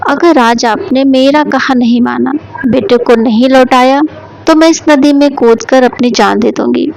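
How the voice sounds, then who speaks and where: A woman's voice: sits high, a little slow, vocal fry, a little mellow. Woman doing a grieving old mother's plea. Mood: pleading grief. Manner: lamenting, pleading. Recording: dull lo-fi recording.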